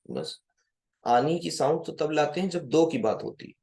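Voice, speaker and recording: A man giving a classroom grammar lecture who keeps quizzing his students and slowly repeats key words. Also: fairly high pitch, animated, creaky, a little mellow. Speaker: Arabic grammar teacher.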